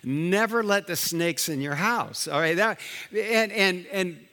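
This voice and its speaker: Male pastor, grew up in Liberia, bright forceful sermon voice, lively and chatty, long church-hall reverb. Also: high voice, slow pace. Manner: animated preaching with restarts and asides.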